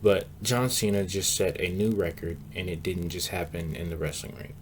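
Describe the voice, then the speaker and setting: A man with a very low voice reads out a sports news segment. His delivery is steady and scripted, like a school announcement read straight from notes. There is a faint hiss behind him. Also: moderate pace.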